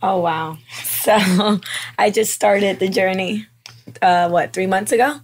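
A woman's voice: medium pitch, slow. A woman from Venezuela, a new realtor guest on a podcast, giving short giggly answers. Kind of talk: casual podcast chat. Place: small office studio.

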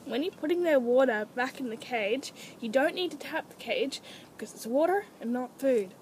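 A woman's voice: sits high, animated, moderate pace, background noise. A teenage girl explaining guinea pig training at home, switching to coaxing, sing-song calls to her pets. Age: teens. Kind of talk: casual home tutorial.

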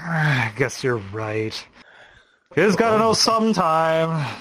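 A man's voice: on the high side, sing-song, slow pace, fairly bright tone, no echo, exaggerated voice, low-quality recording. A man playing an awkward, fumbling father in an improvised comedy skit.

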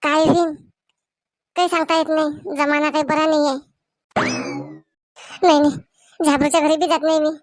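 A woman's voice: sits high, little pitch movement, moderate pace, pauses often, no echo, close to an everyday voice. A woman playing a self-pitying aging village woman who grumbles to herself. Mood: grumbling. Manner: lamenting monologue, talks to herself. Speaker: comedy sketch performer. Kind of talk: village comedy sketch.

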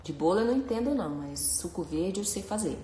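A woman's voice: on the low side, animated, fast, dark tone, a little hiss or hum. A woman hosting a casual live stream, chatting and reading viewers' comments aloud, often breaking into nervous laughter. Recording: echoey room with faint ambience.

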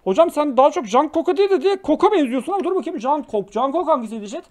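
Man, young adult, high-pitched, loud exclaiming streamer, swears, mock-scolds, desk mic. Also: lively intonation, very fast. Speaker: live streamer. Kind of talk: live-stream reaction commentary.

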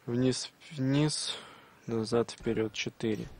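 A man's voice: medium pitch, fairly even intonation, slow pace, a little mellow. A man giving casual let's play commentary, muttering short reactions as he plays. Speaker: gamer commentating own play. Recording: clear game noise behind voice.

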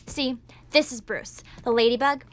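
A young woman telling children's stories to camera, expressive, with exaggerated cartoon intonation. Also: high-pitched, moderate pace. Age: young adult. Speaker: storyteller. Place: furnished indoor studio set.

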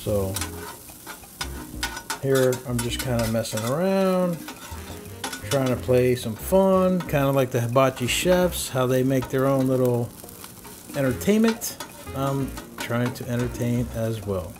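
A man's voice: medium pitch, lively intonation, takes it slowly, long pauses. Easygoing man narrating an outdoor cook. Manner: easygoing, talks viewers through each step. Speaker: cooking channel host. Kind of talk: casual cooking demo narration. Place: outdoors at a griddle on a patio.

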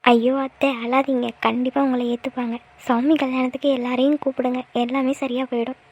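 A woman voicing a gentle, comforting college girl. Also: high voice, flat delivery, fairly quick, slightly rough, muffled recording. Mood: soothing. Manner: soothing, reassuring. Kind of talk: cartoon voice acting.

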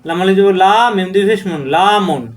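A man with a high-pitched, brisk voice and fairly even intonation gives a letter-by-letter Quran recitation lesson. He chants each letter name in a long, drawn-out way, then explains how it should be pronounced.

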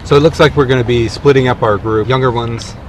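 A man's voice: medium pitch, fast. Guy in his 30s vlogging a hike, handheld cam, outdoor noise all around, chill chatty tone. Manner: relaxed, chatty, observational. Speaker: family vlogger. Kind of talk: casual hiking vlog narration. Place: outdoors on a forest mountain trail. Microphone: handheld camera at arm's length.

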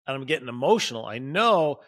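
Talking fairly quickly with big swings in pitch, a man with a mid-range, slightly bright voice coaches on relationships in his podcast. He addresses the audience straight on as "you" and "guys," motivating them in a chatty solo style while playing out short quoted scenes.

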